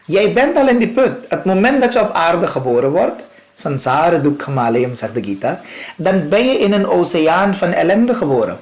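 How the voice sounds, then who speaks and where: Animated male spiritual teacher. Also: sits high, normal speed. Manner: animated storytelling, rising emphatic peaks and soft drops; searches for words, repeats himself. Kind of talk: spiritual discourse with storytelling.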